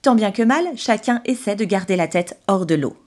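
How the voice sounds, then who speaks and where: A woman narrating a children's storybook in an expressive, dramatic way. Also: medium pitch, moderate pace. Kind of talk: storybook reading.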